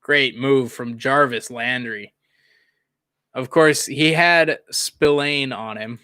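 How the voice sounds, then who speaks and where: A man's voice: mid-range voice, takes it slowly, bright, forceful tone, clear, resonant tone, no room sound. A young man doing casual live play-by-play of a football game, rambling and chuckling as he answers chat between plays. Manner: rambling, laughs often, reads chat aloud.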